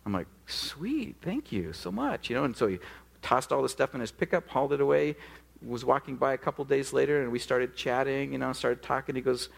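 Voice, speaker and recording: A middle-aged man, a pastor, preaching a sermon with animated storytelling and acted-out dialogue. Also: mid-range voice, quick pace, creaky.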